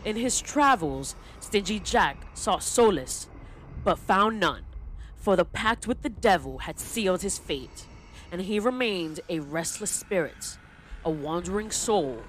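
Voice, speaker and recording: A woman's voice: fairly low pitch, animated, a little slow, a little hiss or hum. A woman reading a spooky folktale aloud in a theatrical storybook style. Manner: theatrical, old-fashioned storybook diction. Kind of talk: dramatic storytelling.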